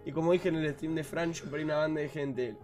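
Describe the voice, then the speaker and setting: A man's voice: on the high side, fairly even intonation, fast, over music. A young man with an Argentine accent, a streamer speaking emotionally to his viewers while holding back tears. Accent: Rioplatense Argentine. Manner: emotional, repetitive, keeps saying "amigo" and "boludo". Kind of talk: heartfelt talk to viewers.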